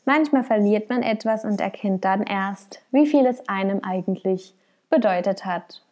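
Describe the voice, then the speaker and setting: A woman narrating a folk tale in a calm, measured way. Her voice sits at an ordinary middle pitch. She finishes with a gentle reflection spoken to the listener. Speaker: storyteller. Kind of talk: storytelling narration.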